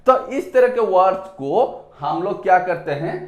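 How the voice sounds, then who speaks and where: A man with an Indian accent teaching an English grammar lesson at a whiteboard, saying words slowly and repeating them, switching between Hindi and English. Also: high voice, lively intonation, a little mellow. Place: room with a whiteboard. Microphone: phone on a tripod. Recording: echoey room.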